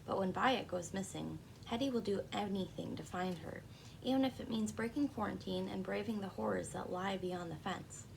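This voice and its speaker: A woman in a soft-spoken ASMR role-play as a librarian, talking in a hushed, gentle library voice with a creaky edge. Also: mid-range voice, moderate pace, a little hiss or hum, rough recording.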